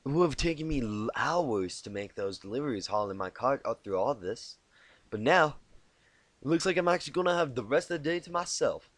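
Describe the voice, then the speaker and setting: A man's voice: medium pitch, lively intonation, fairly quick, no room sound, close to an everyday voice. Man doing folksy Applejack with drawl. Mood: earnest, grateful. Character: folksy, grateful, hardworking female farm pony.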